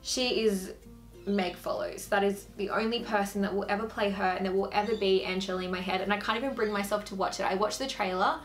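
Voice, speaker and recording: With faint music in the background, this Australian woman in her twenties talks a little fast in a steady, mid-range voice. Her casual Q&A video to camera is filler-heavy, with "like" cropping up constantly.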